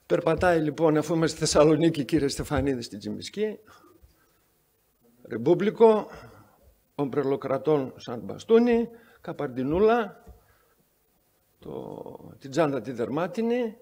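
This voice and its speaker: A man's voice: on the high side, lively intonation, pauses often, mellow, breathy edge. A man chairing a medical conference session, giving an introduction full of sarcastic, wry anecdotes. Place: conference hall.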